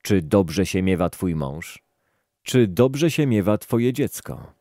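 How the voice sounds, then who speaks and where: A man reading a stern old male prophet's words aloud in a calm, measured way, barely shifting from his own voice. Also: low-pitched, no echo, clean studio sound, heavily acted. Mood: solemn.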